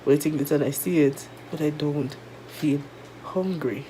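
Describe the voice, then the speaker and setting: A woman with a Jamaican accent chats casually to viewers in a halting, weary way, her throat sore and mouth dry after tonsil surgery. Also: sits low, warm tone, slight background noise, rough recording. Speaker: vlogger. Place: resting at home in bed.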